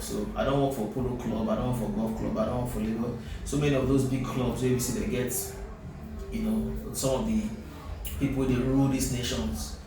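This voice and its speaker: Nigerian guy being interviewed in pidgin n english, mid voice, super echoey and noisy. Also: mid-range voice. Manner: often checks "you understand". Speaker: company CEO, interview guest. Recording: very echoey, distant mic, noisy.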